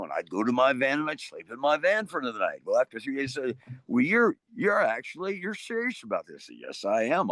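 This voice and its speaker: A man's voice: medium pitch, no room sound. An older man, an interview guest, telling stories in a casual, rambling way and often restarting his sentences. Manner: rambling, restarts often, animated voices in anecdotes.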